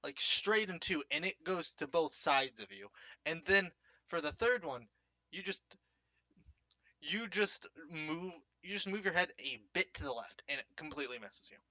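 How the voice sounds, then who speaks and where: A man's voice: on the high side, animated, normal speed, pushed and bright, no echo. A young man narrating a tabletop game as game master, hesitant, with many fillers and restarts.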